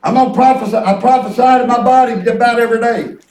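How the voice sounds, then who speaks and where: A man in his fifties with a rural Southern US twang, preaching a folksy, rambling, storytelling sermon in an excitable, colloquial way. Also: very high-pitched, fast. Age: 50s. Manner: excitable, colloquial, chuckles through anecdotes. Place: church hall with responding congregation. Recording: echoey church room, distant microphone.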